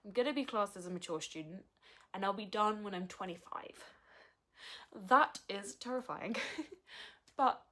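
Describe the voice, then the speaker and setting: A woman's voice: medium pitch, moderate pace, bright, forceful tone. A woman, talking frankly and earnestly in a personal vlog. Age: early 20s. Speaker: vlogger. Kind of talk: candid personal vlog talk.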